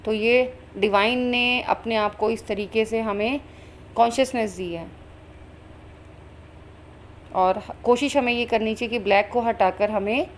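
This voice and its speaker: A woman's voice: medium pitch, slight background noise. Earnest woman telling a spiritual vision. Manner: earnest, flowing Hindi-English mix with fillers. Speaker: spiritual channel host. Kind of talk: personal spiritual account.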